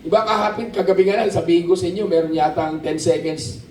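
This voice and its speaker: A man preaching a lively sermon at a camp, asking the crowd questions and calling for amens. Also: high-pitched, fast, slight background noise. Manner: animated, asks the crowd questions, calls for amens. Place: outdoor camp. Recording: roomy, distant outdoor sermon recording with faint ambience.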